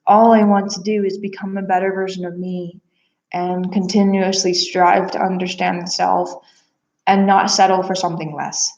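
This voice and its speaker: With a low, darkish voice, level tone and moderate pace, she delivers an introspective, rambling monologue about her own life, casual and earnest. Adopted from Bulgaria, she wants to become a therapist and psychic reader, and the recording is echoey and a little dull.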